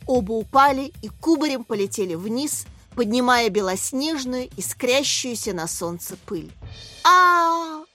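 A woman narrating a story in a steady, expressive scripted reading. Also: a little high, moderate pace, hardly any pauses, faint music behind.

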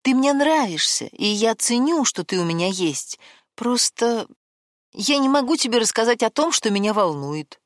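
A woman voicing a worried young woman who gently but persistently presses her partner, in an audiobook. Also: a little high, big pitch swings, moderate pace, dry recording, studio quality, voice pushed up. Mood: earnest.

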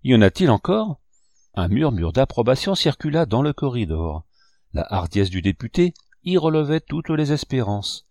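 A man reading a classic novel aloud in a measured storytelling manner. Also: medium pitch, sing-song, darkish tone, dry recording, clean studio sound. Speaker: audiobook reader. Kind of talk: scripted narration.

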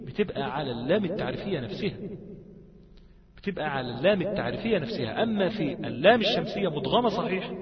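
A man with an Egyptian accent teaching a lesson on reciting rules, asking rhetorical questions and chanting lines of verse slowly. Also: a little high, big pitch swings, crowd noise. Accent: Egyptian Arabic. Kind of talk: Egyptian colloquial lesson on tajweed. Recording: echoey, long reverb, dull lo-fi sound.

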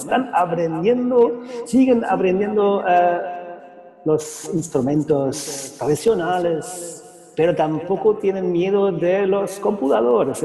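A man from Germany, a native German speaker with a German accent, giving an informal lecture as a guest speaker, halting as he searches for words. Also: a little high, warm tone. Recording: echoey hall with crowd sound.

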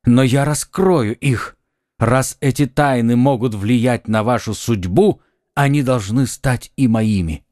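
A man's voice: mid-range voice, slow pace, a little mellow, no echo, studio quality, natural voice. Brief: narrator as a passionate young nobleman; insistent, earnest; audiobook. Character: ardent young male nobleman and swordsman. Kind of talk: audiobook acting.

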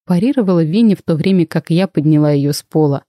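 A woman reading a first-person audiobook aloud, lively and voicing every character herself. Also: deep voice, fast talker, dry recording, studio quality. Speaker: audiobook narrator.

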